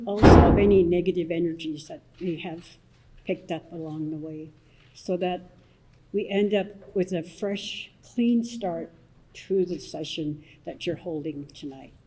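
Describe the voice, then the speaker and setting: An older woman elder from southern Alberta explaining a smudge ceremony at a public assembly, soft-spoken with many pauses and restarts. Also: fairly low pitch, husky, rough recording. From Blood Tribe, southern Alberta, Canada.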